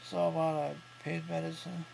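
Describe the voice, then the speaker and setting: A vlogger in his thirties recovering from jaw surgery records a halting, matter-of-fact video diary, congested and unable to breathe through his nose, his speech thick-mouthed. His delivery is flat and a little mellow, with heavy vocal fry and very little pitch movement. It's a clearly noisy home recording with hum behind his voice.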